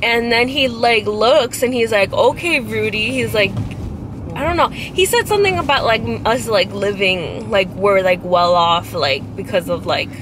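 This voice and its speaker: A young woman with a mid-range voice and an animated delivery chats at a moderate pace inside a parked car at night, where a dashboard camera picks her up. She's a guest in a casual chat, rambling through stories packed with "like," with car noise in the background.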